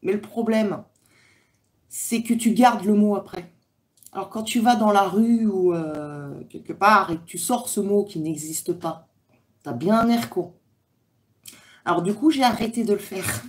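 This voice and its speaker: A woman's voice: mid-range voice, measured pace, long pauses. A woman from France, chatting casually with viewers on her livestream, rambling with many fillers. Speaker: livestream host. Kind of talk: casual live chat reading comments.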